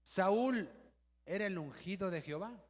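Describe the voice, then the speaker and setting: A man with a Mexican accent, a pastor giving a lively sermon and asking the congregation questions. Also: sits high, a little slow, soft background music. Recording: long hall reverb.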